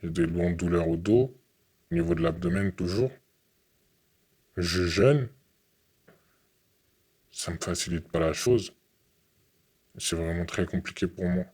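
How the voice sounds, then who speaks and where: A young man from France giving an earnest, halting interview testimony, often repeating his words. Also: low voice, lively intonation, vocal fry, darkish tone, slightly rough.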